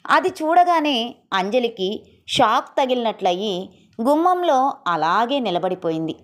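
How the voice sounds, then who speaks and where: A woman narrating an audio story in a steady, emotive reading style. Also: a little high.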